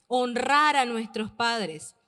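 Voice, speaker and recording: A woman preaches an emphatic sermon. She repeats her key words slowly for weight. Her voice rings with a long reverb, as in a church hall. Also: fairly high pitch, sharp tone. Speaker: preacher addressing youth and parents.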